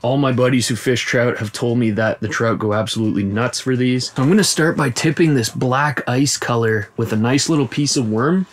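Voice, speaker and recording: A man's voice: medium pitch, fairly quick, few pauses. A man in his thirties from Ontario, Canada, hosting an outdoor fishing vlog in an upbeat, chatty way, recorded on a camera mic out on a frozen lake and inside a small tent. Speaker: fishing channel host.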